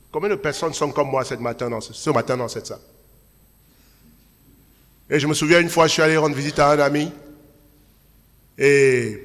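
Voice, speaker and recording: A pastor preaching a sermon at a church service, moving between emphatic exhortation and quiet personal storytelling. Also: male voice, medium pitch. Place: large church hall at a Sunday service. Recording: long hall reverb.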